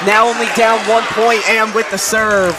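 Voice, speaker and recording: A man calling a high school volleyball game play by play, with rapid excited calls that often rise to a shout. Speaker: play-by-play announcer. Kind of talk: live volleyball commentary. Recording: distant mic, loud crowd and gym noise.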